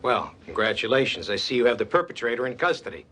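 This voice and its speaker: A man's voice: mid-range voice, very animated, fast talker, pushed and bright, a little hiss or hum. An actor playing a hotel security chief, an officious man who talks with sarcasm. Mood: sarcastic.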